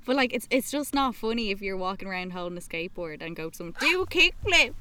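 A woman in relaxed banter, laughing often while chatting outdoors. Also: mid-range voice, fast talker, smooth. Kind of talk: casual chat. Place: outdoors, walking.

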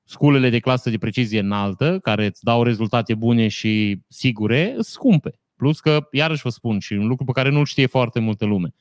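A man talks in a casual chat at an ordinary, mid-height pitch. He lays out technical points at length and drops in deadpan jokes. The sound is close and dry, with no room around it. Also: no echo. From Romania.

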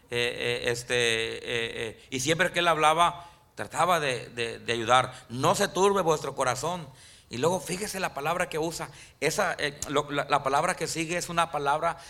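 Man preaching, higher-pitched voice, bright tone, calls out to the congregation, church service. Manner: preacher calling out to the congregation, asking questions; rises in pitch and loudness for emphasis, slows on scripture quotes. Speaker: pastor. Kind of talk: sermon.

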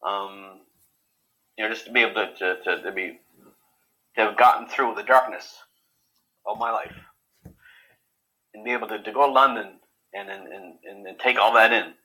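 A man in a casual interview, talking haltingly with many repeated words and fillers. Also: on the low side, pushed and bright, rough recording. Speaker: guest.

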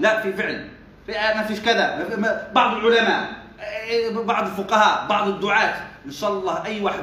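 High-voiced man teaching in an echoey hall. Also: a bit bright, slight background noise. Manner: explains step by step, asks the class questions; mixes dialect asides into formal speech. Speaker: religious teacher. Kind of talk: lesson commentary on a classical text. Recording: very echoey room.

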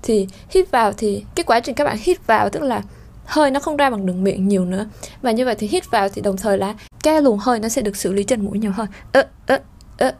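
A woman teaching French pronunciation, explaining slowly with fillers and sounding out vowels. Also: medium pitch, a little mellow. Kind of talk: spoken lesson.

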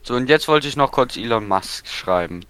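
A man's voice: medium pitch, lively intonation, moderate pace, fairly bright tone, smooth, no echo. A young man chatting casually as a podcast co-host in a blunt, teasing, slangy way. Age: young adult. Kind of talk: casual chat.

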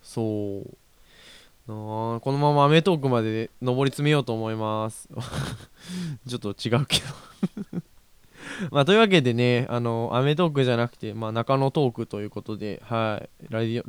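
Chatty young man with a smooth voice. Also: mid-range voice, normal speed, no echo. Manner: chatty, rambling, self-correcting, laughs often. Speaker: podcast host. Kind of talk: casual solo radio-style talk.

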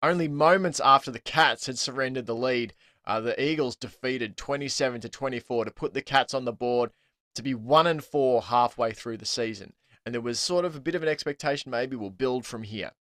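Australian man, podcast host, mid pitch, dry sound, chatty and laughing. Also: a little fast, fairly bright tone, dry recording. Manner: chatty, laughs often, many ums. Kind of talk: casual sports podcast chat.

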